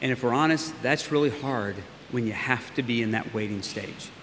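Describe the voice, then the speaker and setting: A man preaching a sermon as a pastor, earnest and emphatic, with slow pauses for weight. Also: medium pitch, a bit bright. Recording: long hall reverb, faint hiss.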